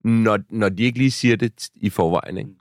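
Casting a low-pitched man in his thirties, a chatty podcast co-host who rambles through stories with lots of fillers. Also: dry recording, studio quality. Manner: rambling storyteller with many fillers and restarts. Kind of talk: casual chat.

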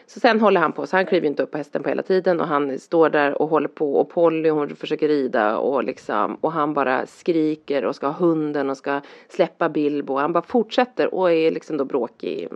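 A woman's voice: sits low, few pauses. A middle-aged woman, a parent, chatting casually and rambling through a story, acting out the lines people said. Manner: rambling, animated, acts out quoted lines. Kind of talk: casual chat. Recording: dull lo-fi sound.

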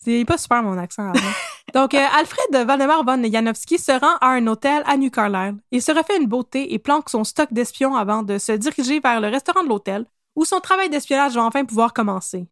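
High-voiced Québécoise podcast storyteller. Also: female voice, expressive, fairly quick, a bit bright, dry recording, studio quality. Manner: playful, laughs often, self-correcting. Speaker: podcast co-host. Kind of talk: casual storytelling chat.

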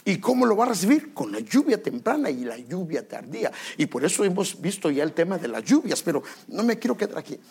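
Gravelly pastor preaching. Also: male voice, high-pitched, very animated, brisk, few pauses, a little mellow. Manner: preaching, rising to emphatic exhortation, acting out quoted voices. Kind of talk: sermon.

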